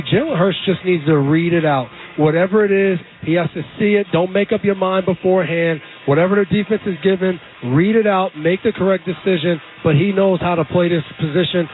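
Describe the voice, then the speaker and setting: Ex-player guy breaking down football, high-ish voice, tinny radio. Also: a little fast, few pauses. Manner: casual, confident, explanatory. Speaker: analyst, former player. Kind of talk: radio sports commentary. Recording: phone-like band-limited radio audio.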